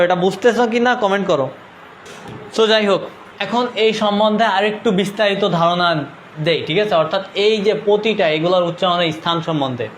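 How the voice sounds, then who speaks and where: A young Bangladeshi online tutor with a Bangladeshi Bengali accent and a voice that sits high for a man teaches a live lesson. He speaks casually, keeps inviting viewers to comment, and checks whether they're following with "ঠিক আছে?" while faint background noise lies under his voice.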